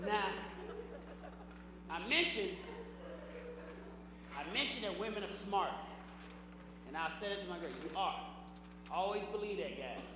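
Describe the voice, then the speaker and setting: A stand-up comedian with a very high voice, animated, who acts out voices and shouts his punchlines. He is picked up from a distance in a large, echoing hall. A steady noise sits under his voice. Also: measured pace, long pauses. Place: large hall before a live audience. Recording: echoey hall recording from far off, noisy.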